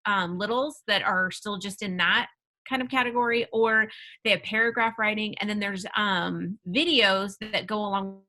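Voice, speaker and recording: A woman's voice: medium pitch, normal speed, sharp tone. A woman on a panel, a homeschooling parent, talking candidly and rambling a little. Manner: candid, rambling, laughs easily. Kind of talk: casual panel discussion.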